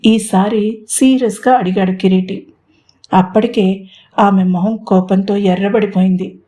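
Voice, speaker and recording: Woman reading a love story out loud, warm dark voice, expressive. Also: medium pitch, unhurried. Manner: expressive storytelling, mixing in English words. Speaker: narrator. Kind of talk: audio story narration.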